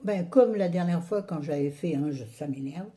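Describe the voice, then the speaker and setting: A woman's voice: on the low side, moderate pace, warm tone. A woman vlogger chatting casually to her viewers from home, grumbling and ranting in an exasperated, colloquial way. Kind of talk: casual vlog chat to viewers.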